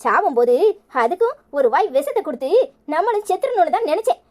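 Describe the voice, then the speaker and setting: A woman voicing a fierce scolding Tirunelveli village mother. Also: fast. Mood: bitter. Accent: Tirunelveli Tamil. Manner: sharp-tongued, cursing, lively pitch. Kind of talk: cartoon voice acting.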